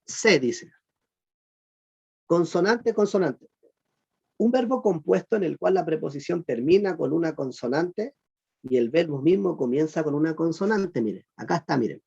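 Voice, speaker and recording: A teacher giving an online class on Greek verb grammar, patiently repeating "look" and asking the class whether it is clear. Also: medium pitch, expressive, moderate pace, darkish tone. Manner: patient, repeats "miren" and "fíjense" often; asks the class check questions. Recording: muffled lo-fi recording.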